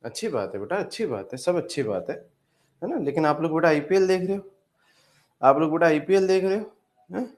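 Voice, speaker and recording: A man's voice: fairly high pitch, lively intonation, fairly quick, long pauses, a little mellow. A man teaching chemistry in an online class, repeating phrases over and over and scolding the students playfully. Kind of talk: live online class lecture.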